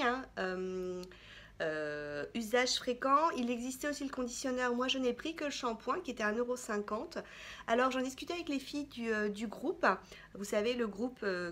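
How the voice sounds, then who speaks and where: Woman beauty vlogger, high voice, chatty and halting, casual haul talk. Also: fairly bright tone. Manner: chatty, hesitant with frequent fillers. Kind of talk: casual haul vlog chat.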